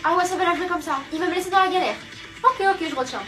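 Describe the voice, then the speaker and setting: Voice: extremely high pitch, fast, recorded from a distance, pitched above the performer's own voice. A performer voicing a sly, cheeky teenage sibling in a comedy sketch. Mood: scheming. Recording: roomy echo with loud music behind.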